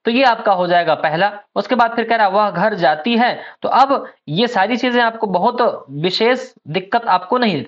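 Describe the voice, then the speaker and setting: A man's voice: sits high, expressive, moderate pace, few pauses. A man teaching an exam prep lesson, explaining patiently and checking in with his students after nearly every point. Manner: explains patiently, keeps asking "ठीक है ना". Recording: dull lo-fi recording.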